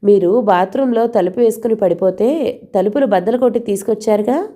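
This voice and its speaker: A woman's voice: mid-range voice, fairly quick, mellow, lightly acted. A woman doing a restless young maid.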